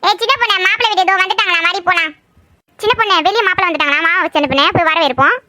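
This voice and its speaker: A woman's voice: very high-pitched, rapid-fire, sharp tone, no room sound, clean studio sound. Woman putting on a fussy, fretful auntie. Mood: fretting. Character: fussy middle-aged aunt, worried hostess.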